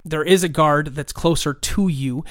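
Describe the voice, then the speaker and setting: A man with a fairly high voice narrates a tabletop game as game master, painting scenes and prompting players. The sound is dry and close, with no room around it. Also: a little slow, a bit bright, no echo. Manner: descriptive, guiding players with questions.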